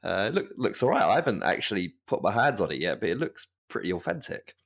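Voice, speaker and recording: Deep-voiced man in casual fan chat. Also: very animated, quick pace, creaky, fairly bright tone, breathy edge. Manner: chatty, laughs often, rambling asides. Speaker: podcast co-host.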